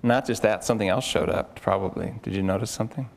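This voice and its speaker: A man working as a therapist in a live demonstration before a group, coaching a client with quick probing questions and repeated words. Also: fairly low pitch, gravelly. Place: room with an onlooking group.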